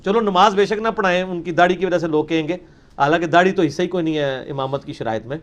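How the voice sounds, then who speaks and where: A man answering religious questions in an emphatic, explanatory lecture style, with many English terms. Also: on the high side.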